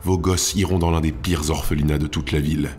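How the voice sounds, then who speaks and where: A man voicing a cool-headed, menacing city guard who speaks calmly and steadily. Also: a bass voice, a little fast, soft background music. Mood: cold. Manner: calm, steady, cold.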